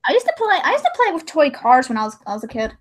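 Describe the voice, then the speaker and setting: Chatting casually on a livestream, a woman jokes around playfully in a high-pitched voice that races along with huge swings in pitch. She is the stream's host, editing a dramatic reading as she talks.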